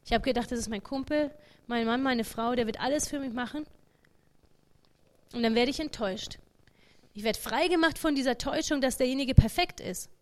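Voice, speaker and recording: A woman's voice: high voice, fairly quick, darkish tone. A woman giving an informal devotional talk, earnest and conversational, often voicing the thoughts of an imagined believer. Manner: earnest, conversational, acts out imagined inner voices.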